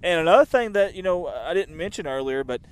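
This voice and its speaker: A man doing chatty, rambling live softball commentary outdoors. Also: sits high, animated, fast talker, a little hiss or hum. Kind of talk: casual live sports commentary. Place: outdoor softball field on a windy day.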